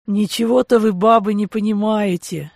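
A woman voicing a hoarse, hungover German man who grumbles and sulks in an audiobook. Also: mid-range voice, steady tone, normal speed, a little mellow, no echo, clean studio sound. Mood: sulky. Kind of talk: audiobook character voice.

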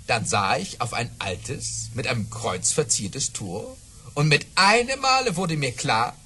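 Theatrical, boastful Baron Münchhausen, wildly swooping pitch. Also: male voice, big pitch swings, a little slow, sharp tone, husky, full character voice. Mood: dramatic, wondering. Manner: theatrical, savouring storytelling with dramatic swings. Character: boastful, jovial aristocratic baron telling tall tales. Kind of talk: German radio play acting.

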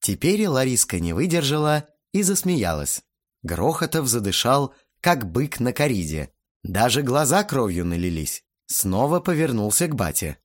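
A man reading a novel aloud as an audiobook narrator, with lively, expressive delivery. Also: mid-range voice, normal speed. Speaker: audiobook reader. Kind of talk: scripted narration.

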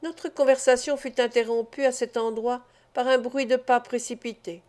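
A woman narrating a classic adventure novel as an audiobook reader, measured and even. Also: fairly high pitch. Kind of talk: scripted narration.

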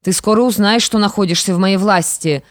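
A woman's voice: medium pitch, brisk, dry recording, clean studio sound, natural voice. A woman voicing a scheming young widow, a stepmother who sounds falsely sweet and menacing. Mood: spiteful. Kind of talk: audiobook character reading.

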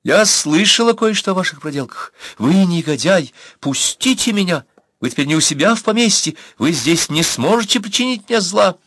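Man playing a young noblewoman, sharp, indignant, high voice, loud. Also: animated, moderate pace, no room sound.

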